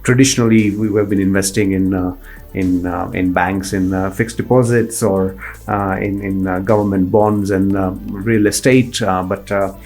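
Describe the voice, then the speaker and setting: Halting, gravelly man hosting. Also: low voice, steady tone, darkish tone, soft background music. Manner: halting, heavy with fillers. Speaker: podcast host. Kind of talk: interview.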